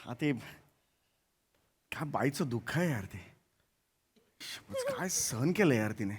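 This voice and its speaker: An actor playing a soft-hearted husband who is choked up and snuffling over a TV soap. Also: male voice, medium pitch, wildly swooping pitch, measured pace, breathy edge, heavily acted. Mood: tearful. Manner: choked-up, snuffling, comic self-pity. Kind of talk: stage comedy sketch.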